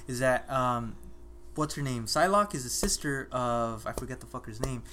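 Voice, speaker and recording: A man's voice: mid-range voice, normal speed, noisy background. A man chatting casually about a movie, rambling with plenty of hesitations. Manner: rambling, many fillers and restarts.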